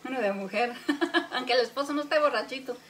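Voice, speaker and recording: A woman's voice: high-pitched, a little fast, a bit bright. A Mexican woman chatting and joking with viewers while she cooks, laughing often and talking into a phone held close in her home kitchen. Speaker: cooking livestream host. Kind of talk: casual chat while cooking. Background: faint frying and sizzling.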